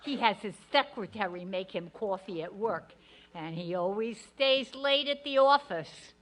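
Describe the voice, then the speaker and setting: A woman voicing a catty, gossiping small-town housewife with a bright, dramatic delivery. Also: mid-range voice, animated, unhurried, natural voice. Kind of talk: comic radio melodrama acting.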